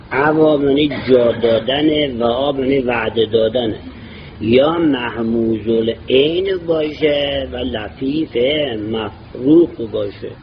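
A man teaching Arabic grammar in a lecture, reading Arabic phrases slowly and then explaining them at length. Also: medium pitch. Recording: dull lo-fi recording with clear background noise.

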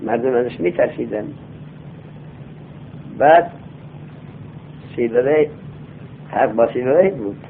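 A male teacher giving a classroom lecture. He reads lines of a text aloud slowly, then explains them and quizzes his students. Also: medium pitch, lively intonation, vocal fry, a little hiss or hum. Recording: tinny lo-fi phone-like sound.

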